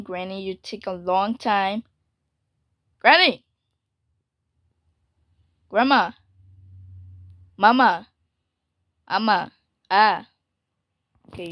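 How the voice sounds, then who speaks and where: A woman giving casual game commentary, calling herself dumb and swinging from whispers to sudden yells. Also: mid-range voice, noisy background. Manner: self-mocking, jumpy, drops into whispers and sudden yells. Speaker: gamer.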